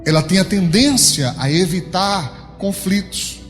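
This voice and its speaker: High-voiced Brazilian pastor preaching in a hall. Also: male voice, lively intonation, measured pace. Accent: Brazilian Portuguese. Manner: emphatic preaching with big pitch swings, addressing the congregation directly. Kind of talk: sermon. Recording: long hall reverb with soft background music.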